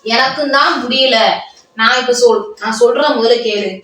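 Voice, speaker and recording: A woman's voice: fairly high pitch, bright, forceful tone, heavy reverb, recorded from a distance, low-quality recording. A woman pranking her husband at home, bickering insistently and repeating herself. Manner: insistent, repetitive, quick bickering. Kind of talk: staged couple argument. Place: home room.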